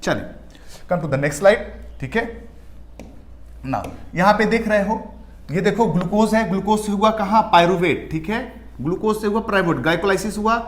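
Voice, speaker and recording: A man teaching biology for an exam, asking questions and answering them himself, stretching key terms slowly. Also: high voice. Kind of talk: exam-prep lecture over slides.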